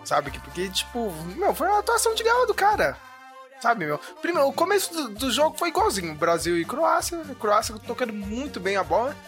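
A woman's voice: fairly high pitch, big pitch swings, brisk, fairly bright tone. A Brazilian woman in casual, slangy, emphatic sports chat as a podcast panelist. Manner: colloquial, emphatic. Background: music.

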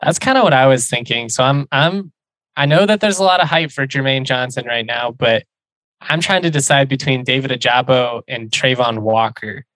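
A man's voice: mid-range voice, moderate pace, a bit bright, no echo, low-quality recording. Casual male sports podcast host, dry close sound. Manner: informal, chatty. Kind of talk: casual sports talk and conversational ad reads.

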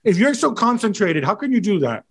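A man's voice: sits high, big pitch swings, fairly quick, a bit bright, husky. A man interviewing in a conversational, inquisitive way, asking for clarification. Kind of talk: conversational questioning.

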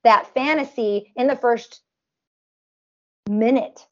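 A woman with a nasal voice, a tribute performer appearing as a guest, talks casually in an interview in long runs packed with restarts and fillers. Her voice is a little high, she takes it slowly, and the highs are cut off.

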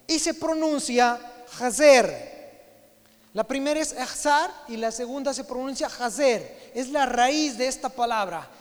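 Man, pastor's sermon, very high voice, emphatic, drawn-out key words, long hall reverb.

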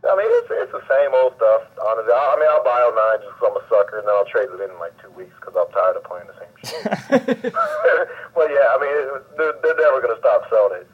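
A young man co-hosting a casual gaming podcast, blunt and animated, swearing freely, with a husky voice. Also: mid-range voice, fairly quick. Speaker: podcast co-host. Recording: tinny phone-like line.

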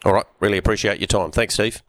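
Deep-voiced, blokey New male radio host. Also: quick pace, a bit bright, no echo. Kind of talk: casual sports radio interview.

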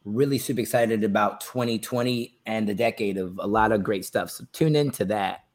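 A man, co-hosting a casual podcast with playful quick remarks. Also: lowish voice. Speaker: podcast co-host. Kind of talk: casual chat.

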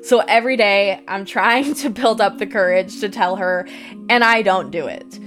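A young American woman tells a story from her own life at a mid-pitched, natural level. She acts out what people said with lively, animated energy. Faint music plays quietly behind her voice. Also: moderate pace. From United States. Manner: lively, animated retelling with acted-out quotes. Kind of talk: personal storytelling.

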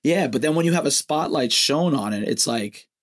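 A man with a mid-range voice chatting as a podcast guest. He speaks reflectively and haltingly, restarting his sentences as he works out what he means. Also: medium pitch, expressive. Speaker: guest songwriter. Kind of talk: casual podcast chat.

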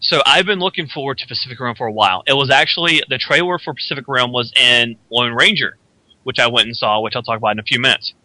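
Bright-voiced man giving opinions on a radio show. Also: medium pitch, no room sound. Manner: opinionated, speculative, acts out quick character voices. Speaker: podcast co-host. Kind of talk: casual chat.

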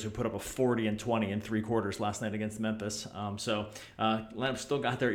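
A man hosting a casual sports podcast, chatting and joking with frequent restarts, his voice echoey from a makeshift room setup. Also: mid-range voice. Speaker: podcast host.

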